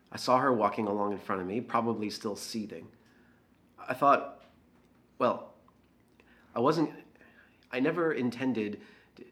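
A man's voice: on the low side, a bit bright. An actor playing a resentful, slightly drunk man, confessing in a dramatic monologue. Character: resentful, tipsy man who frightens a woman.

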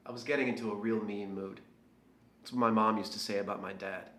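A man's voice: on the low side, steady tone, fairly quick, a bit bright, lightly acted. An actor playing a resentful, slightly drunk man, confessing in a dramatic monologue. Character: resentful, tipsy man who frightens a woman.

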